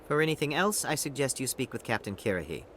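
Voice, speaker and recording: A man's voice: mid-range voice, very animated, a little fast, heavy background noise, close to an everyday voice. A man playing a stiff, disapproving alien supply officer in a video game, formal and curt. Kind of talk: dramatic video game acting.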